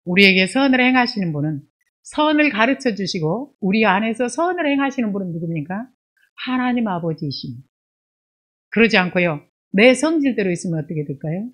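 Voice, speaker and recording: A woman pastor delivers an expository sermon, reading scripture in a raised, emphatic voice before dropping into a lower, conversational tone full of rhetorical questions. Her delivery is sing-song and fairly quick.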